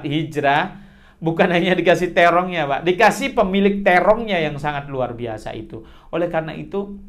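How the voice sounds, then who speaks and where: A man preaching a storytelling sermon, animated and often putting questions to the audience. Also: on the high side.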